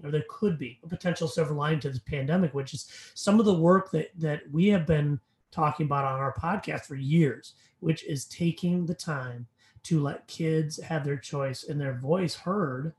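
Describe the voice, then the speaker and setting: The recording sounds roomy as a man with a slightly high, darkish voice co-hosts an educational podcast. He chats in an upbeat, rambling way full of fillers and reads the sponsor message too.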